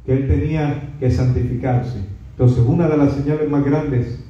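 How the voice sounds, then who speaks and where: A man preaches a Bible study sermon with emphatic delivery and a mellow, dark tone. He is heard from away from the microphone. The room echoes strongly and the sound is dull. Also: medium pitch, fairly even intonation, normal speed, distant mic. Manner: emphatic, dramatizes scripture quotes. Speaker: pastor teaching a Bible study.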